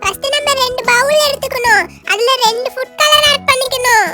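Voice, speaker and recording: Very high chirpy woman narrating a doll show. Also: fairly quick, over loud music. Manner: cheerful, chatty, addressing friends.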